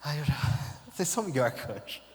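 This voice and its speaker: A priest from the interior of Minas Gerais, with a Minas accent, telling a story in a sermon in a chatty, self-mocking way and laughing often. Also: male voice, a little high, lively intonation, quick pace, a little mellow. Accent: Minas Gerais Brazilian Portuguese. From interior of Minas Gerais, Brazil. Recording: long hall reverb.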